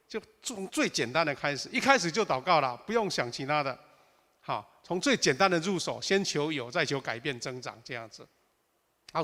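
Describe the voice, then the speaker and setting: A man's voice: fairly high pitch, a bit bright. A man pastor teaching at an online prayer meeting. He explains step by step and tags his sentences with a casual "ha". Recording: long hall reverb.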